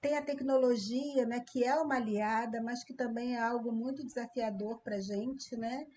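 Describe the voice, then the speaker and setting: A woman from Brazil hosts an interview in a high-pitched voice, building long, rambling questions with lots of affirming asides. A faint noise sits under the recording. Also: fairly even intonation, normal speed, mellow, muffled recording. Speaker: interviewer, show host. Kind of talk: casual interview.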